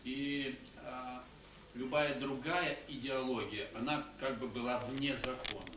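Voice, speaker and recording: A Russian-speaking man gives a conference talk in a hall, speaking in short phrases and pausing for an interpreter, with frequent hesitation sounds and a halting manner. His voice is medium-pitched and steady. The distant mic picks up an echoey room and faint hiss.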